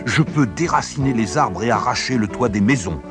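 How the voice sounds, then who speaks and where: A bragging, taunting wind spirit from a storybook, as a deep-voiced narrator puts him on, pitched up high and swinging wildly from line to line. He crows about his strength and sneers at his rival. Music plays behind the voice. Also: wildly swooping pitch, normal speed. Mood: boastful. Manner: boastful, taunting, high and loud. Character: boastful blustering male wind, mocking and vain. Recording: background music under the voice.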